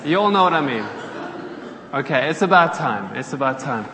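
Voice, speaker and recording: In a church hall, a friendly South African guest preacher in his thirties, representing a charity, chats with the congregation and engages them with questions. He speaks at normal speed with a fairly high, bright, forceful voice and lively intonation, the roomy hall echoing with faint ambience.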